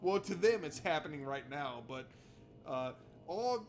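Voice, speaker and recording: A man with a slightly high voice does let's play commentary on a visual novel, animated but unhurried. He reads the narration aloud and heckles it, sarcastic, exasperated and sweary. Game music plays behind him.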